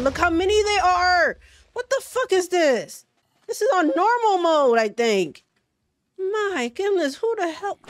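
Woman gamer, higher voice, swooping pitch, loud yelps and cursing, chats to viewers, dry close mic. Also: no room sound. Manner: loud, excitable, yelps and swears at enemies; talks to the game creatures and her viewers. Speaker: gaming channel host. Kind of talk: casual gameplay commentary.

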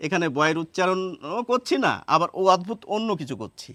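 A man teaching a lesson, explaining step by step and repeating words slowly to show how they sound. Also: sits high, lively intonation, fairly bright tone, no room sound. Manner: explains step by step, asks rhetorical questions.

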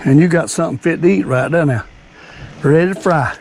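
A man's voice: a little high, a little fast, gravelly, darkish tone, slight background noise. An older man with a Southern US accent, talking viewers through a how-to in a folksy old fisherman manner, often repeating his phrases. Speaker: cooking and fishing video host. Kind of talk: casual how-to chat.

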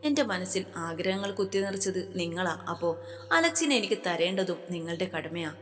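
Pushy young nurse making threats, voiced by a woman reader, lowish voice in a long-echo room. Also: lively intonation, normal speed, a bit bright, faint music behind. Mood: insistent.

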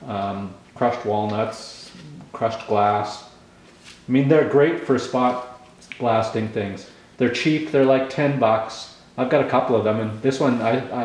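A man's voice: mid-range voice, a little mellow. A man in his forties from Canada, casually showing his tools on camera, rambling with lots of ums while chewing gum. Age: 40s. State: chewing gum, slightly mumbled. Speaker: channel host. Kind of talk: casual tool demo vlog. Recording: very echoey room.

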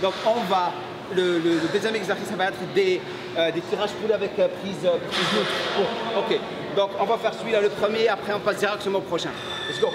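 Middle-aged man, fitness coach, energetic gym talk, high voice, loud clattering gym noise. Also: brisk. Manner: energetic, pushes with repeated "come on". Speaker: bodybuilding coach and channel host. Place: large busy indoor gym.

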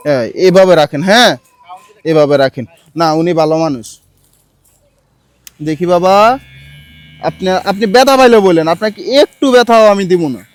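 A man with a Bangladeshi Bengali accent gently coaxing someone on the street, repeating his requests patiently. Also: sits high, moderate pace, long pauses, clean tone, no room sound. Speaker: street outreach volunteer. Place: outdoors on a city street.

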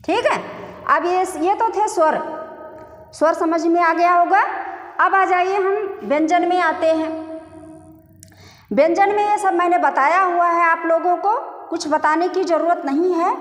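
High-voiced woman teaching in an echoey room. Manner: repetitive, asks and answers own questions; drawn-out demonstration vowel sounds. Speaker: Hindi grammar teacher. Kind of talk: classroom-style lesson.

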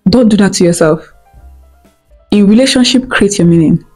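A young Nigerian woman in her twenties with an Igbo accent, a vlogger, gives an earnest motivational talk to camera from a room at home, wearing a lapel mic. She repeats her points and checks in with "okay?". Her mid-range, slightly mellow voice moves at normal speed over faint music.

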